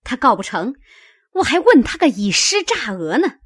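Woman voicing a sharp-tongued domineering noblewoman. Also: high voice, sing-song, husky, exaggerated voice. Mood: defiant. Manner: domineering, scornful and quick to scold. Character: sharp-tongued young noblewoman of a great house. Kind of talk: dramatized novel reading.

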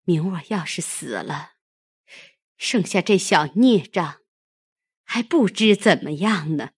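Bitter sickly young noble lady done by a woman reading, cutting and scornful, husky, swoops up and down. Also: lowish voice, expressive, takes it slowly, no echo, clean studio sound, heavily acted. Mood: weary. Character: proud ailing young noblewoman, sharp-tongued, bitter. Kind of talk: audiobook character reading.

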